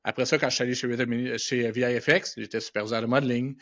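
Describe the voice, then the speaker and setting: A middle-aged Quebec man's voice, medium in pitch, steady in tone and a bit bright, moves at a quick pace. As a podcast interview guest working in animation and visual effects, he tells anecdotes informally, mixing English words into colloquial French. Sound quality is dull and band-limited.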